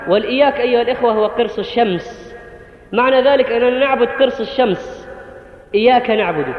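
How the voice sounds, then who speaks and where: A man preaching a sermon to the congregation, earnest and instructive, addressing the brothers directly. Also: extremely high pitch. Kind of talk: Friday sermon. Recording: echoey hall, tinny phone-like sound.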